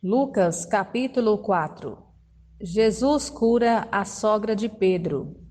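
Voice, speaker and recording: A woman announcing scripture chapters in a slow, formal manner, with long reverb. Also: mid-range voice, lively intonation, darkish tone.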